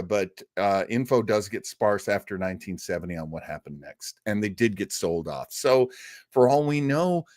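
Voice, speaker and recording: With a medium-pitched voice, a man runs a livestream and talks casually with viewers in the chat, answering them with rambling laughs and false starts. The audio is clean studio sound without echo.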